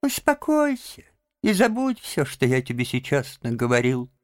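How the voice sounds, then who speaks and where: A man voicing a self-pitying, theatrical male toad in an audiobook, with a creaky, sing-song pleading voice. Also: mid-range voice, huge pitch swings, moderate pace, no room sound, studio quality, pitched above the performer's own voice. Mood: soothing. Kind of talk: audiobook character voice.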